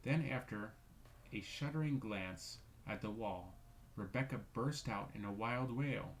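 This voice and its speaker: A man reading a classic ghost story aloud in a measured, steady way. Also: on the low side, slight background noise, low-quality recording. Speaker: reader.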